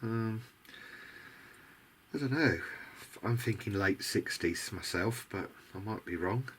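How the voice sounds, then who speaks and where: A man with a lowish, fairly bright voice talks slowly while working at a bench. His unscripted commentary is musing and tentative, like a hobbyist thinking aloud for a video diary. Background noise is noticeable.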